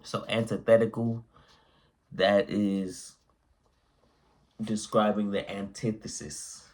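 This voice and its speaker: A man's voice: fairly low pitch, little pitch movement, takes it slowly, darkish tone. A man with the hiccups giving a laid-back, rambling spoken vocabulary lesson. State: has the hiccups. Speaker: vocabulary teacher.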